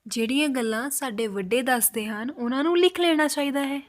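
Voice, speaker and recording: A woman teaching a spoken language lesson, slowly repeating example phrases for learners. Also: high-pitched.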